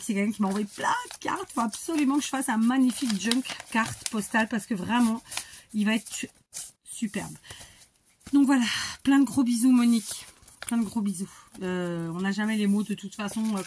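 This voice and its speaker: A woman from France chats casually while opening parcels for her scrapbooking channel. She restarts her words often and breaks into small laughs as she goes. Her voice sits at a middle pitch. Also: a little mellow, husky. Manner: chatty, many restarts and little laughs. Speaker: scrapbooking YouTuber.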